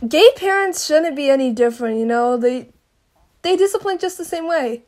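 A woman's voice: sits high, lively intonation, moderate pace, a little mellow. A young woman hosting a casual Q&A video, playful and dramatic, often swearing. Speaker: channel host. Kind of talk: casual Q&A chat. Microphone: home microphone.

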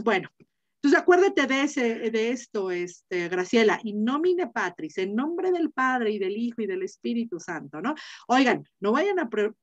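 A middle-aged woman with a Mexican accent teaching a Latin class online, chatty and full of fillers, often asking her students questions. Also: mid-range voice. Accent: Mexican Spanish. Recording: dull lo-fi video call audio.

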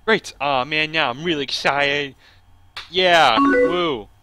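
A young man playing a chat game and reading its lines aloud, laughing at them, over loud game music. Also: on the high side, slow pace, rough recording. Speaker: gamer. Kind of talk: let's play commentary.

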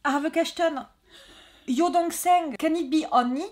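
A woman from France chatting excitedly as she works through a test, exclaiming and switching between French and English. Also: high-pitched, a little slow. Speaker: test taker. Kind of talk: casual reactive chat.

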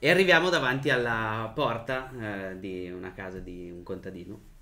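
A man narrating a tabletop role-playing game as game master, describing scenes in a measured, storytelling way. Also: fairly low pitch, steady tone, sharp tone, soft background music.

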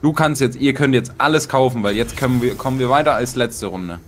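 A man from Bavaria guiding his teammates through a game in casual chat, explaining the mechanics patiently and calling out danger quickly. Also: medium pitch, a little hiss or hum. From Bavaria, Germany. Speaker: experienced player guiding others. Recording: game music underneath. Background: game music.

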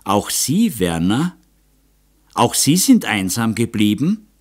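A man's voice: lowish voice, big pitch swings, slow pace, a little mellow, full character voice. A man reading an audiobook voices a remorseful, timid middle-aged woman who pleads and blames herself. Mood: pleading. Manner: pleading, self-reproaching.

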